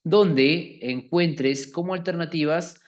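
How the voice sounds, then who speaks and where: A man's voice: on the high side, slow pace, lo-fi sound. A man teaching a class, explaining an exercise step by step and often checking that students follow. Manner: keeps checking understanding with tag questions.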